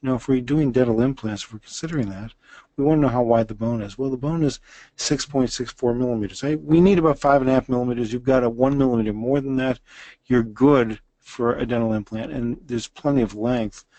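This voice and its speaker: Guy in his 60s explaining a case slide by slide, dry sound, mid pitch. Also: a little fast, dark tone, no room sound. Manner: explanatory, walks through images step by step. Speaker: dental lecturer. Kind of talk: case presentation lecture.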